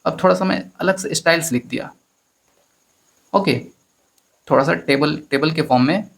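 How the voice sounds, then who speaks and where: A man's voice: on the high side, moderate pace, creaky. A man teaching a maths lesson in Hindi with an Indian accent, explaining step by step and often addressing his students as friends. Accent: Hindi-speaking Indian.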